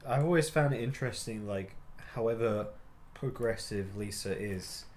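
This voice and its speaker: Low-voiced man, brief quiet replies. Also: normal speed, slight background noise. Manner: brief low-key agreement. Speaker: podcast co-host. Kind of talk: casual chat.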